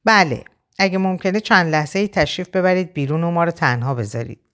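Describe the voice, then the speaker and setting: A stern, sullen male boss with a low voice and curt, formal words, as a woman narrator reads him. He sounds like a character in a read-aloud novel. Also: fairly bright tone, close to an everyday voice.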